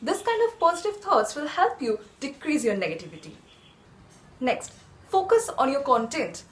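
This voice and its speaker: A woman's voice: high-pitched, sing-song, normal speed. A woman presenting scripted tips in an instructive, point-by-point way. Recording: echoey room.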